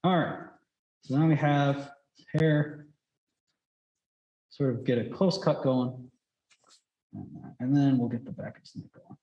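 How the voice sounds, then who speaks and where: A man's voice: medium pitch, measured pace, pauses often, warm tone, dull audio. A man speaking through a face mask, casually thinking aloud as he teaches drawing in a rambling, chatty way. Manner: rambling, chatty, frequent "like" filler. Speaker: drawing instructor. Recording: echoey, roomy sound.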